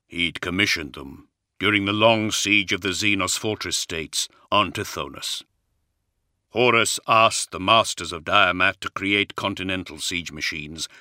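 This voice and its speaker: Man doing calculating commander, low and measured, confiding, very deep voice, dry close sound. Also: pushed and bright, no echo.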